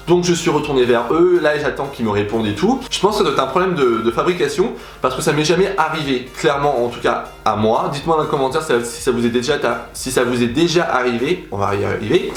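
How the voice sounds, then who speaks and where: A man's voice: medium pitch, fast talker, hardly any pauses. A young man chatting animatedly as a beauty vlogger, gushing about his favorite products in a casual review. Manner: animated, chatty, exaggerated enthusiasm. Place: room at home. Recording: echoey room with faint music.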